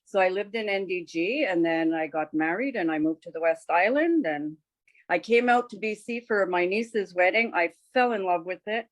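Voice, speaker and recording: Older woman from Montreal, lower voice, chatty interview guest who rambles and laughs easily. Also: normal speed, no echo. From Montreal, Canada. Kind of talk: casual conversation.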